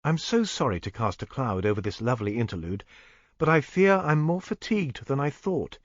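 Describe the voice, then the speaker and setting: A man reading an audiobook, voicing a polite young Regency lady who sounds tired and gently apologetic. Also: mid-range voice, big pitch swings, brisk, dry recording, pitched above the performer's own voice. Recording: dull, dry studio recording.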